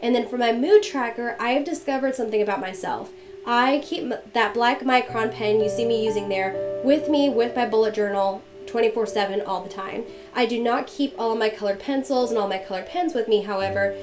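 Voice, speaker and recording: A young bullet journal vlogger narrates her planning in a casual voice-over, chatty and friendly, still slightly stuffy from a cold. Her fairly high voice moves a little fast and sounds dull and lo-fi, with instrumental music clearly audible underneath.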